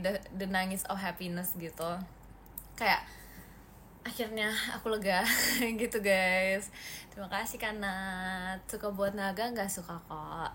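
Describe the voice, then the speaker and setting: A woman's voice: medium pitch, fairly bright tone, slight background noise. A seventeen-year-old girl from Indonesia hosting a casual livestream, chatting and thanking viewers one by one, slipping English phrases into her talk. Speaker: livestream host. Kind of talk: casual livestream chat reading comments.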